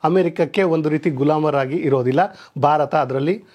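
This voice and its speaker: A man's voice: on the high side, normal speed, a little mellow. A man presenting a news commentary segment, calling out to viewers as friends with rising, emphatic bursts.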